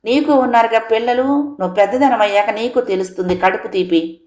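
A woman doing a slow, scolding old mother-in-law. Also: a little high, a little mellow, reverberant, pitched above the performer's own voice, natural voice. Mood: chiding. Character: elderly mother-in-law, fond of her sons.

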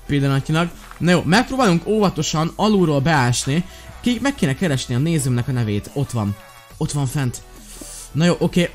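A young man giving lively, excitable commentary over his own gameplay, his voice leaping into high yelps when he panics. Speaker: gaming YouTuber.

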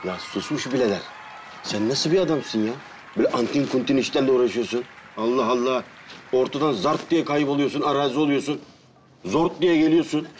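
A man's voice: mid-range voice, brisk, a little hiss or hum, natural voice. A man playing an exasperated, teasing neighbour.

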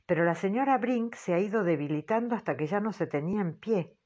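A woman reading an audiobook in a measured, low-key way, on a dull, muffled recording. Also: expressive, a little mellow. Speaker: audiobook narrator. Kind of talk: scripted literary narration.

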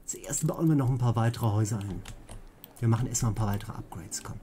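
A man's voice: mid-range voice, fast talker, warm tone, slight background noise. Playful man muttering over gameplay. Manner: playful, repeats words, mutters to himself. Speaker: let's play host. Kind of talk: casual gameplay commentary.

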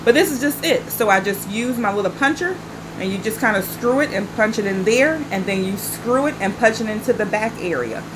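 Smoking on an outdoor patio at night, a forties-aged vlog host from the Carolinas talks to camera in a relaxed, chatty way. Stuffed up and a little nasal, her mid-range voice moves briskly over a noisy background.

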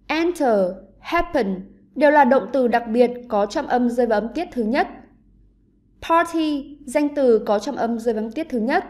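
A woman with a Vietnamese accent, teaching an online English lesson to pupils and explaining slowly and carefully. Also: on the high side, a little mellow.

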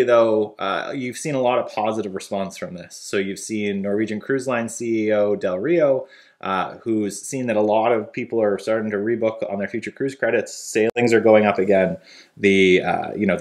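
A man in his thirties co-hosts a relaxed news chat from a couch at home. His voice sits fairly low. He talks through the stories in an easygoing way. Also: moderate pace. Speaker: co-host. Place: living room, on a couch.

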